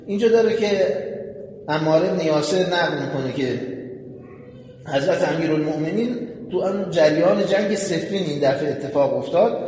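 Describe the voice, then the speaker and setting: A man preaching a sermon, retelling a story with animation and calling on his listeners to pay attention. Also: fairly high pitch. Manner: addresses the audience directly, animated retelling. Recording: echoey hall with long reverb, faint noise.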